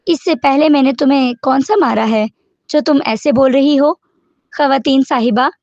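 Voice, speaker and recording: A woman's voice: high-pitched, a little mellow, dry recording. A woman reading the lines of a stern, protective young man who scolds, in a dull lo-fi recording.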